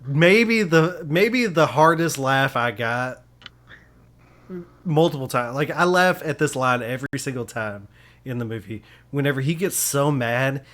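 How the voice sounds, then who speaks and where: A man in the middle of his pitch range chats loosely about films as a podcast host. He gets excited, laughs a lot and often starts a sentence twice before finishing it. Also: unhurried. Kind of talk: casual film review chat.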